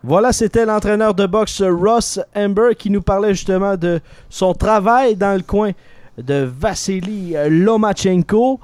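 A man hosting a radio show, brisk and friendly as he wraps up interviews and introduces segments. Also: sits high, a little mellow, clear, resonant tone, no echo. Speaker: radio host.

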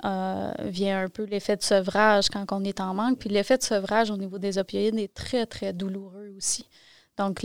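A woman's voice: mid-range voice, smooth, no echo, clean studio sound. A woman with a Quebec French accent explaining things in a casual podcast discussion, thinking aloud with many restarts.

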